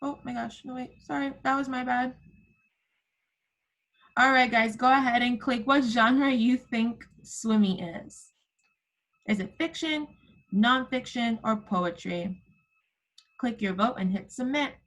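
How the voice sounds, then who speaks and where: The audio is poor, coming from a computer microphone on a video call where a kindergarten teacher holds an interactive lesson for young children. Her slightly high, fairly bright voice is unhurried, with long pauses between simple prompts and endearments meant to encourage the kids.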